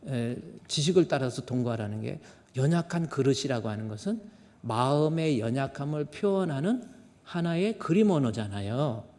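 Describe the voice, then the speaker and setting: A man's voice: medium pitch, expressive, normal speed, darkish tone, in a large hall. A man preaching a Sunday sermon as senior pastor, telling stories in a colloquial way and acting out the voices he quotes. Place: church sanctuary.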